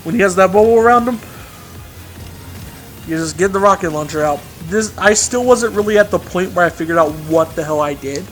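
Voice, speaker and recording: Guy rambling over a video game, kinda high voice, swears a lot, music and gunfire behind. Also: fairly quick, fairly bright tone. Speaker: gamer commentating a playthrough. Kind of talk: casual let's play commentary.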